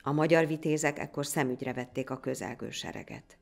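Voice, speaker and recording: A woman reads a folk tale aloud with lively, dramatic delivery. Her voice sits low. Soft music plays faintly under her. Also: vocal fry. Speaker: storyteller. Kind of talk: storybook narration.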